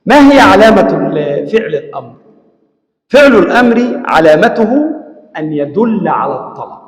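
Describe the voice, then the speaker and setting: A man teaching a classroom grammar lesson, explaining step by step, asking his students questions and drilling examples slowly. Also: high voice, big pitch swings. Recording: echoey hall with long reverb.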